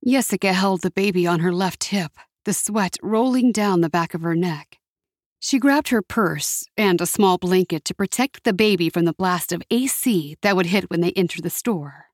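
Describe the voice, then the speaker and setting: A woman giving a steady, measured scripted narration of a story. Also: fairly low pitch, dry recording, studio quality.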